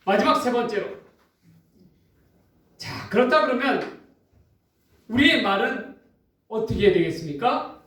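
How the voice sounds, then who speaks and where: A man preaching a sermon as pastor, telling a story in an animated, emphatic way, in a church. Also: extremely high pitch, measured pace, long pauses. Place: church sanctuary. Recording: echoey hall, distant mic.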